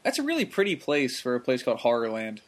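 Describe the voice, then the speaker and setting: A man's voice: mid-range voice, wildly swooping pitch, crowd noise. A man co-hosting a casual watch-along, making sarcastic asides about the show. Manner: sarcastic, fast wry asides.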